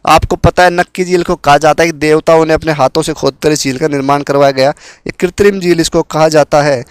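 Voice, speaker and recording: A man's voice: on the high side, smooth, no room sound. Man quizzing viewers on exam questions. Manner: repeats questions, quizzes viewers before revealing answers. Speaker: exam-prep teacher. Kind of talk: quiz-style exam coaching.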